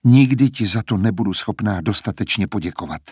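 A man's voice: fairly low pitch, lively intonation, darkish tone, slightly rough, no echo, clean studio sound. A man reading aloud, voicing a frightened young woman singer who is anxious and pleading. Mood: shaken.

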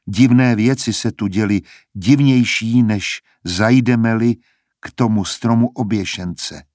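A haunting young woman's slow sung verse drifting through a storybook forest, as a male narrator voices her. The voice stays husky and lilting, recorded close and dry. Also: lowish voice, darkish tone, no echo, natural voice. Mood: eerie. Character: young woman singing eerily in the woods.

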